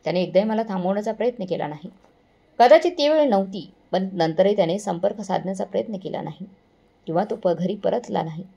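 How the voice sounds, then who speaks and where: A woman's voice: mid-range voice, expressive, brisk, gravelly, mellow, husky, lo-fi sound. A woman narrating a first-person moral story in an earnest, somber way, sometimes correcting herself.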